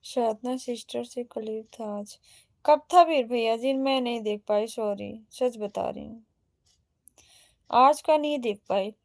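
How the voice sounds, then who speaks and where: A woman's voice: on the high side, unhurried, vocal fry, darkish tone, no echo, studio quality. A woman with an Awadhi accent, chatting casually on a livestream as she reads out and answers viewer comments one by one. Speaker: live streamer reading viewer comments.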